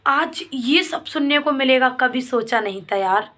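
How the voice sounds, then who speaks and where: A woman with a high voice, lively intonation, and a fairly bright tone speaks unhurriedly in an informal opinion vlog about a family controversy. Addressing both viewers and someone involved, she's emphatic, repeating phrases in a reproachful, pleading way.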